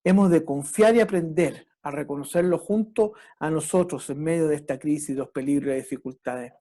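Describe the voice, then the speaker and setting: Preacher giving a calm sermon, middle pitch, lots of little "right?" check-ins, stops and restarts now and then. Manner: reflective, often adds tag questions; halting, with restarts.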